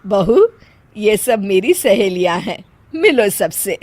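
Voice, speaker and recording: A woman's voice: medium pitch, sing-song, takes it slowly, darkish tone, no room sound, voice pushed down. A woman voicing a fussy middle-aged mother-in-law in a cartoon, scolding and easily offended. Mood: bossy. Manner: scolding, exasperated.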